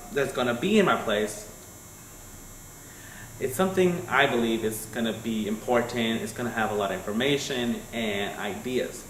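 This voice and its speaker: A teenage boy, a student, gives a class presentation in a halting way, restarting and repeating phrases. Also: mid-range voice, fairly bright tone. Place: school room. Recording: echoey room with faint mains hum.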